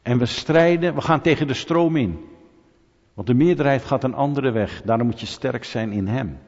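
A man preaching a sermon in a lively, rhetorical way, putting questions to his audience and joking with them. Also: medium pitch, moderate pace. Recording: dull sound with long hall reverb.

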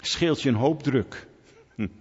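Male preacher, lively delivery, muffled hall recording with long reverb. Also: medium pitch, a little slow, slightly rough. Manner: animated preaching, rising to near-shouts when quoting. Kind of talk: sermon. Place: church hall.

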